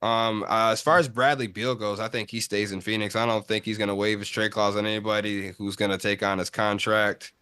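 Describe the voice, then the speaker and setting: A man hosting a casual sports podcast, talking in relaxed slangy banter and calling his friends bro. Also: fairly low pitch, brisk, few pauses, smooth. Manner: laid-back slangy banter, says bro often. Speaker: podcast host.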